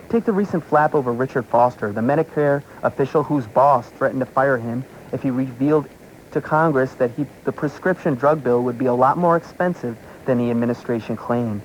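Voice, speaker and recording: An American radio talk show host reads political commentary aloud, heard through a shortwave receiver. His medium-pitched voice is a little mellow, and the low-quality recording carries a little hiss or hum.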